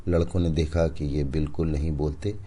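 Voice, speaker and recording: A man narrating a classic short story in an expressive, dramatic reading style. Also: rumbling low, moderate pace, slightly rough. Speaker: audiobook narrator.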